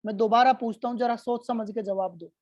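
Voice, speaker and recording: A woman's voice: a little high, fairly even intonation, fairly quick, a little mellow, dry recording, studio quality, lightly acted. Woman voicing a stern male schoolteacher. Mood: questioning.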